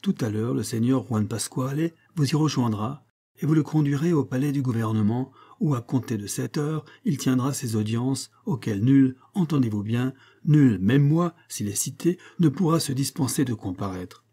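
A man's voice: mid-range voice, normal speed, warm tone, slightly rough. A man reading an audiobook, voicing a proud medieval king who speaks in imperious, stern pronouncements. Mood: commanding.

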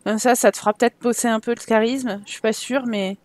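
Chatty high-voiced woman playing a game. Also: fairly even intonation, brisk, darkish tone, dry recording. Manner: chatty, bossing her game characters around, laughing often. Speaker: gaming YouTuber. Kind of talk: casual let's-play commentary.

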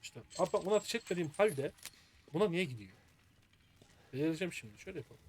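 A man's voice: fairly high pitch, lively intonation, rapid-fire, a little hiss or hum. A man commentating his own video game play, muttering to himself in frustration as he works through a puzzle. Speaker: gaming streamer.

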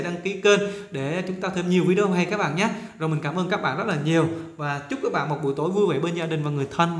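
A Vietnamese man teaching English pronunciation, repeating words slowly and coaxing his students along. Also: a little high, roomy sound. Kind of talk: pronunciation lesson.

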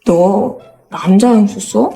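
Audio drama: actress as drunk, heartbroken young woman trying to sound sober, drawn-out delivery, roomy sound with music. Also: mid-range voice, creaky, mellow. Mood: drunk denial. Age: young adult.

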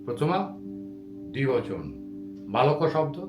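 A man teaching a grammar lesson to students, patiently reciting word forms slowly one by one. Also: mid-range voice, lively intonation, roomy sound, over music. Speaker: Sanskrit teacher.

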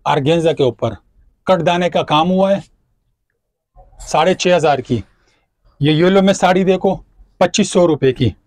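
A man, a shopkeeper showing clothes and briskly repeating prices on a lapel mic in a crowded market shop. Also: fairly high pitch, darkish tone, no room sound. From Pakistan. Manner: brisk, repetitive price listing. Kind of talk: showing goods and quoting prices.

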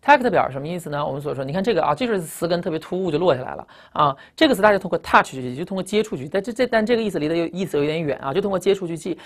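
A woman's voice: fairly low pitch, lively intonation, racing, hardly any pauses. A woman with Chinese as her first language teaching English vocabulary in a recorded lecture, emphatic, asking rhetorical questions and spelling out word roots.

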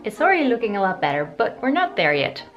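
A sewing vlogger in her thirties talks fast and sing-song at a medium pitch, the recording muffled and laid over music. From her living room she walks the camera through a craft project, thinking aloud and teasing her own skills.

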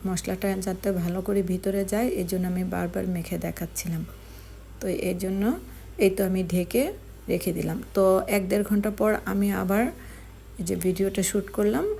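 Woman cooking-channel host, dark mellow voice, patient step-by-step delivery. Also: mid-range voice, fairly even intonation, gravelly, a little hiss or hum. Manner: slow, step-by-step explaining with fillers. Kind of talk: home cooking tutorial narration.

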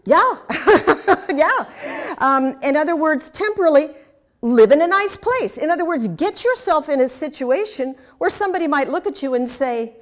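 An older woman leads a class, trading questions with her listeners and dropping in wry asides. Her voice sits a little high, and her delivery is chatty and anecdotal. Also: expressive, moderate pace. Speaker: speaker teaching a class. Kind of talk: interactive talk with audience questions.

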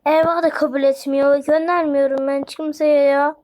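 A young woman talks casually over her gameplay in a high voice. She is excitable and breaks into delighted squeals. A faint hiss sits under the recording. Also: normal speed. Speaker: gaming channel host. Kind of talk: casual game commentary.

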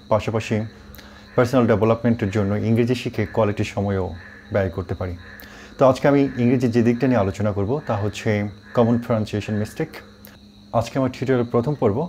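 A middle-aged man who teaches English, explaining pronunciation and spelling words out slowly, mixing English words into his talk. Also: fairly low pitch, mellow, a little hiss or hum. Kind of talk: online pronunciation lesson.

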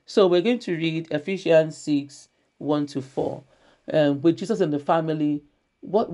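A woman's voice: deep voice, dark tone. A woman pastor preaching a church sermon, repeating her key phrases emphatically and reading scripture aloud.

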